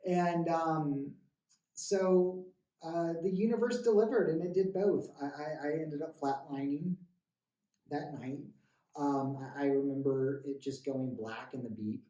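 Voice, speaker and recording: A man in his thirties telling his recovery story in an earnest, halting way, often stammering and restarting. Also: fairly high pitch, mellow. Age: 30s. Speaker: guest sharing a recovery story. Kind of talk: emotional personal testimony. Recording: roomy, distant mic.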